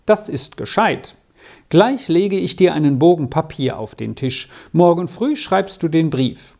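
A storybook reader voicing a kindly, cheerful adult male alpine herdsman who reassures gently. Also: mid-range voice, animated, unhurried, gravelly. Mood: eager. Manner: warm reassuring, gently persuasive. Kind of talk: storybook reading.

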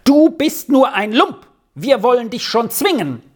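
A reader voicing a bossy, quick-tempered older farm boy in a German storybook reading, scornful and scolding. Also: mid-range voice, big pitch swings, voice pushed up. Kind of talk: audiobook character voice.

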